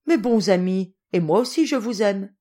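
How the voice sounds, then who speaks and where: A woman's voice: animated, normal speed, mellow, natural voice. A woman reading aloud, voicing an old, irascible but tender-hearted Russian general who turns thunderous when angry. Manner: emphatic, booming when angry.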